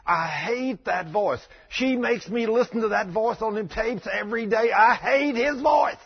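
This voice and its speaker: A man's voice: high voice, measured pace, gravelly, breathy edge, dull audio, voice pushed up, exaggerated voice. A man acting out a possessed woman's bitter voice. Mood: bitter hatred. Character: tormented possessed woman, voice of a hateful demon.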